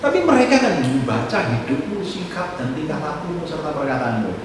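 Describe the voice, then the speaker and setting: A man, a pastor preaching a sermon, swinging from loud exhortation to soft asides. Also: a little high, sing-song, fairly quick. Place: church hall. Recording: echoey church hall, distant mic, noisy room.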